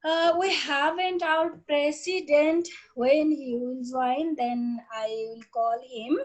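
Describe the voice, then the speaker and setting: A woman from Nepal moderating a panel on a video call, reading speaker introductions haltingly with fillers. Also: high-pitched, steady tone. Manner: reads bios haltingly, with fillers.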